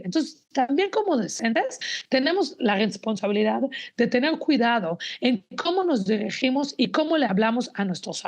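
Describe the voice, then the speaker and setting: A woman presents to an audience of teachers and parents, walking them through her slides. Her voice sits a little high, and her delivery is earnest and explanatory, often turning to address the audience directly. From Mexico. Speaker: educator giving a talk to teachers and parents. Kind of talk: spoken presentation about images on slides.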